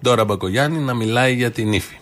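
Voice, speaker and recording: A male host trades casual, ironic banter with his co-host and laughs easily. His voice is a middling pitch for a man. He keeps the talk loose and conversational. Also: fairly bright tone. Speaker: show host. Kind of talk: casual chat on a talk show.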